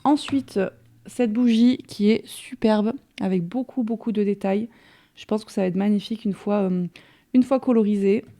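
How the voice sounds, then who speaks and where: A French woman hosting a casual craft haul vlog, chatting warmly with many small fillers and restarts. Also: medium pitch. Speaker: crafting channel host.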